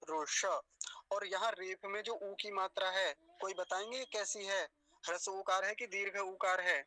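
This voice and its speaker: A man teaching pronunciation, saying words slowly syllable by syllable and quizzing his students. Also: high voice, bright, forceful tone, no echo, rough recording. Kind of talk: pronunciation lesson.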